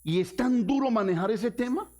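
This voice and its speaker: A male pastor preaching a sermon in a church service. He speaks emphatically, with sudden rises and drops in pitch, and puts rhetorical questions to the congregation. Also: normal speed, mellow.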